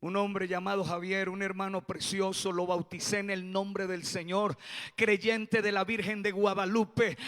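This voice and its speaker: Man, pastor, sermon, high bright voice, fervent, shouted peaks. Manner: fervent preaching, swells to shouts.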